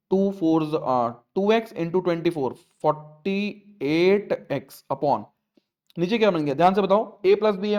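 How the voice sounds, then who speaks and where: A man's voice: high voice, darkish tone. A male maths teacher explaining a lesson step by step, coaxing his students and asking them questions. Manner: coaxing, asks students questions, repeats points.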